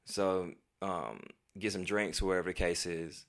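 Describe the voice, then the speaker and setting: A deep-voiced American vlogger speaks at a measured pace, recounting a casual personal story. His delivery is animated, slangy and profane, and he acts out lines of dialogue as he tells it.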